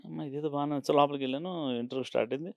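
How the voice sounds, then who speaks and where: A man from Bhimavaram tells his stories in a quick, lively rush. The recording is close and dry, with no room sound. He acts out the lines of the people in his tales as he goes. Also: fairly high pitch, creaky, dry recording. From Bhimavaram, Andhra Pradesh, India. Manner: animated anecdote-telling, acting out quoted dialogue. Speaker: art director, interview guest. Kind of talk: casual storytelling in an interview. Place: studio interview.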